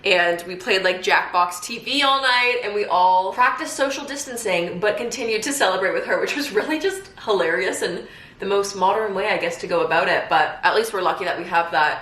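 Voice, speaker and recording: A woman in her twenties, a beauty vlogger, talks fairly quickly in a sharp mid-range voice during a casual makeup tutorial. She sounds upbeat and uses many fillers; the quarantine-era home room is echoey, with faint noise audible.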